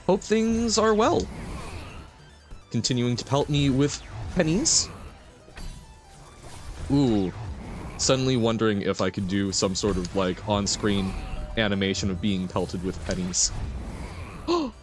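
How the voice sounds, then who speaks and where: A man's voice: lowish voice, unhurried, long pauses. A man livestreaming a game and chatting with viewers, chirpy and playful, with little sound words and exclamations. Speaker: live streamer. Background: game music.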